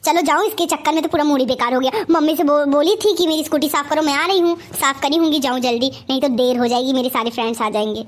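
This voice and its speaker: A woman's voice: high-pitched, fairly even intonation, quick pace, hardly any pauses, slight background noise, close to an everyday voice. A woman with an Awadhi-tinged Hindi accent voicing a spoiled, scheming college-going daughter in a cartoon comedy, bossy and sly. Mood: impatient. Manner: bossy and sly, sweet to her mother, mean in asides.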